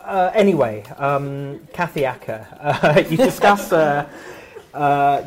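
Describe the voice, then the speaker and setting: Male literary interviewer, Home Counties English accent, hesitant and diffident, slightly noisy recording. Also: mid-range voice. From Surrey, England. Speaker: event interviewer, writer. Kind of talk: literary discussion.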